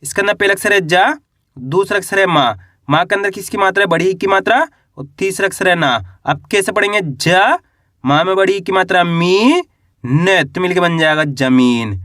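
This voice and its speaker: Guy sounding out words slow, high voice, dry close mic. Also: fairly bright tone, dry recording. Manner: slow, sounding out syllables and asking questions. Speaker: teacher. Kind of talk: Hindi reading and writing lesson.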